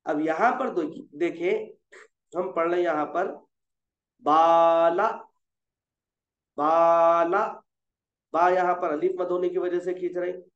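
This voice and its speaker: High-voiced man patiently teaching letters. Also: fairly even intonation. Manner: coaxing, corrects gently and repeats letters slowly. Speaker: Quran reading teacher. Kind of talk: patient tutoring over a call. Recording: roomy, dull lo-fi sound.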